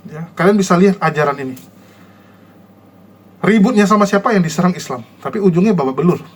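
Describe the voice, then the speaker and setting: A man a high-pitched voice speaks casually to his online viewers. He is combative and mocking, and he scolds and ridicules the people he argues against.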